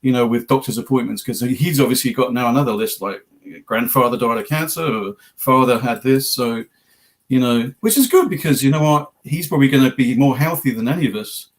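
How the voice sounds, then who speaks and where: A man with a West Virginia Appalachian accent, giving casual personal testimony in an earnest, halting way, repeating words and phrases as he goes. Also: mid-range voice. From West Virginia, United States. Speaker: guest, patient advocate telling own story.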